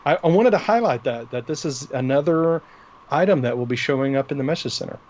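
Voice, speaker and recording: A man's voice: medium pitch, animated, a little fast, darkish tone, highs cut off, a little hiss or hum. A man co-hosting a casual tech news show, talking through product updates in an unscripted way. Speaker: co-host of a live tech show.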